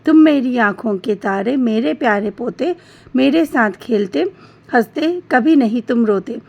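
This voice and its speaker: A woman voicing a gentle, loving old grandmother in a storybook tale, speaking softly and affectionately. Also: a little high, lively intonation, unhurried, vocal fry, dull audio, exaggerated voice. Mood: tender. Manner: soft, affectionate, coaxing.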